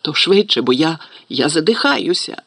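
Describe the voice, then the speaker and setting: A man's voice: a little high, lively intonation, moderate pace, gravelly, a bit bright, slightly rough, dry recording, heavily acted. A man voicing a brave young schoolboy wizard who speaks in strained, urgent bursts, in an audiobook reading.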